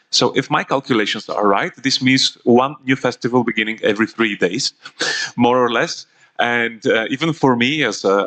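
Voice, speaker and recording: A man moderating a conference panel, measured and lightly joking, with some fillers. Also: mid-range voice, bright, forceful tone. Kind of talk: panel discussion.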